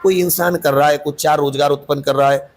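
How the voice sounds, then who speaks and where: Husky-voiced teacher guy, defensive and rambling, keeps pushing his point. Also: a little high, steady tone, fast talker. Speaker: coaching teacher. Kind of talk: interview answers.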